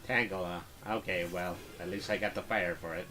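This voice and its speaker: A man's voice: low-pitched, fairly even intonation, a little fast, bright, forceful tone, faint music behind. A man giving casual, understated commentary as he plays a game, half talking to himself. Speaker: gamer narrating a playthrough. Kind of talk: casual game commentary, reading dialogue aloud.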